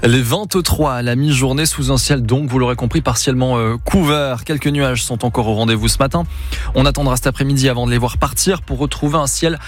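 A man giving the local weather on radio in a lively, chatty way. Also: mid-range voice, fairly quick, soft background music. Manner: lively, chatty, self-correcting. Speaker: weather presenter.

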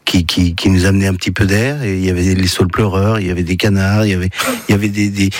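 A man in his sixties from the Paris area speaks in a low voice as an interview guest. He keeps restarting his sentences and stumbling over repeated words as he remembers. The sound is close and dry. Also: level tone, fast, no room sound. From Paris region, France. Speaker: guest, filmmaker. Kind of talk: casual radio interview.

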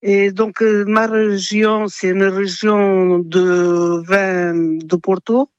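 An older woman from Portugal with a Portuguese accent, answering interview questions haltingly with many fillers. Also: mid-range voice, level tone, clear, resonant tone, dry recording, dull audio. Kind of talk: radio interview.

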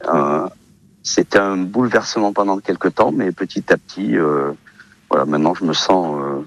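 A Portuguese olive oil seller in his fifties chats casually as a guest on a radio interview, with lots of hesitations and fillers. His voice sits low, he speaks at a moderate pace, and the high frequencies are cut off.

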